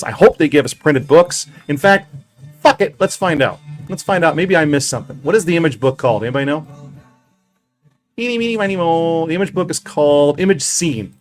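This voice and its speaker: A man running a casual livestream from his basement office, swearing a lot, getting excited and then putting himself down. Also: fairly high pitch. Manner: profane, excitable, self-deprecating. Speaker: comic shop owner streaming.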